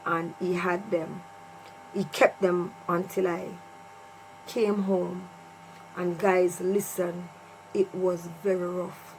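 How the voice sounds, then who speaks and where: Over a humming background, a Jamaican woman vlogger tells viewers a casual personal story, emphatically repeating phrases for effect. Her lowish, slightly mellow voice stays level as she speaks slowly and pauses often. The audio is poor, with clear mains hum and noise.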